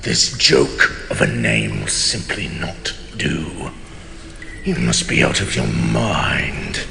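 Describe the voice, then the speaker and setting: A man's voice: a bass voice, wildly swooping pitch, slow, gravelly, background noise, heavily acted. A man playing a haughty, betrayed immortal king in a fantasy audio drama, pompous and sardonic in formal archaic speech. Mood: indignant, outraged. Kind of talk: dramatic audio roleplay monologue. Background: music.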